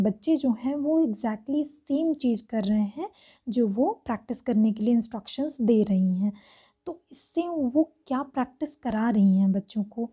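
A woman teacher, reading exam questions aloud slowly and explaining each answer step by step. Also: high voice, dark tone, breathy edge. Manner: slow, reads English questions aloud word by word then explains in Hindi. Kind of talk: exam-prep lesson.

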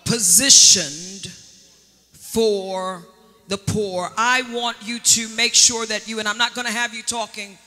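Soft music plays behind a woman whose slightly high, bright, pushed voice moves little in pitch. Preaching as a prophetess in a church sanctuary, she lengthens key words with drama and prompts the congregation to answer back, the long hall reverb ringing around her.

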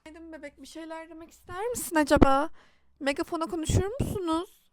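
A young woman with a high, bright-toned voice talks through her day in a relaxed home vlog. She is chatty and laughs easily, slipping into soft baby talk with a little one. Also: fairly quick. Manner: chatty, laughs often, coos at a little child. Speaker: vlogger. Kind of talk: casual vlog chat.

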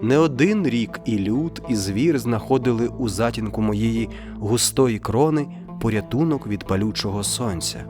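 A somber storybook palm tree, slowly dying and full of despair, as a male narrator puts her on. The voice is quiet and heavy. Soft music plays behind. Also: medium pitch, animated, close to an everyday voice.

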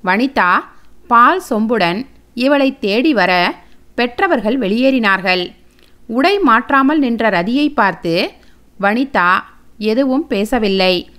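Woman storyteller, novel reading, slow and measured, fairly high. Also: fairly bright tone. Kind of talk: scripted reading of a family novel.

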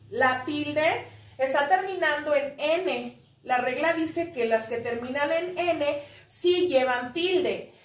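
A Mexican woman teaching a primary school class online, drawing out words slowly to mark the stressed syllable. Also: high voice, a bit bright. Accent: Mexican Spanish. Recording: echoey room, voice a little far from the mic.

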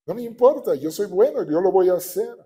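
A man's voice: mid-range voice, moderate pace, warm tone, natural voice. A man with a Mexican accent voicing God as a patient, loving male figure in a sermon. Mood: gently insistent. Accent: Mexican Spanish.

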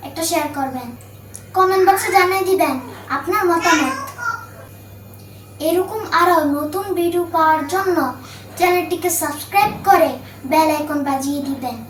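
A woman who hosts her channel, teaching a slow, careful grammar lesson and listing examples one word at a time. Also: extremely high pitch, slight background noise. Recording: echoey room, mic at a distance.

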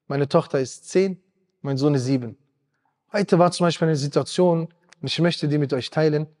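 A high-pitched man preaches with passion, his voice climbing into pleading cries. He sounds like he is in his thirties and speaks straight to his listeners. The sound rings with a long reverb, as if in a large mosque hall. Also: a little mellow. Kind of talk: emotional sermon.

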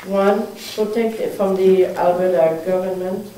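A woman with a mellow, relaxed tone chairs a town council meeting and moves briskly from item to item. She is heard from across an echoey council chamber on a distant mic with a faint hiss behind her. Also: medium pitch. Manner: brisk, moves through agenda items. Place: council chamber, indoors, mid-sized room. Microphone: far room mic.

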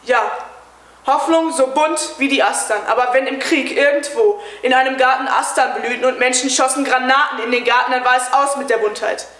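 A woman's voice: sits high, fairly quick, a bit bright. A woman playing a bitter, war-maimed husband, declaiming with brooding scorn on a stage. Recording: roomy hall echo.

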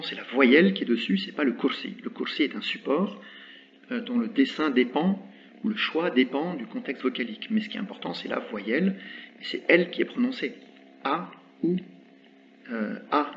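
A man explaining Arabic letters in French, patiently repeating example words slowly with small hesitations. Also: mid-range voice. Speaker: Arabic teacher. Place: indoors with birds audible outside. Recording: slightly dull recording with faint background noise.

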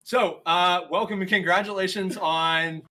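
A male esports caster with a bright, forceful voice sitting a little high. He talks with bouncy energy and rambles through plenty of fillers while calling a live match. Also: steady tone, unhurried, low-quality recording.

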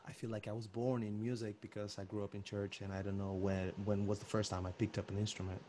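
Reflective man from Cuba, lowish voice. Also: flat delivery, fast, dark tone, a little hiss or hum. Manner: reflective, spiritual. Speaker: musician. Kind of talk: video call introduction. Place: Barcelona home. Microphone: video call.

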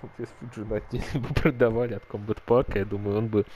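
A man hosting a gaming video with casual, halting commentary, thinking aloud in an informal way. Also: fairly low pitch, fairly even intonation, a little hiss or hum. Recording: loud game music behind.

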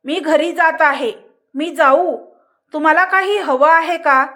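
A woman's voice: high voice, a little slow, bright, forceful tone. A woman voicing a firm young nurse.

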